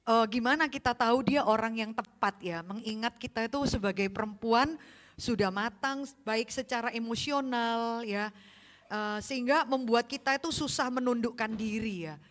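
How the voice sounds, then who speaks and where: A woman pastor with an Indonesian accent, preaching a sermon and telling family stories with lively acted-out quotes. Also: on the high side, moderate pace.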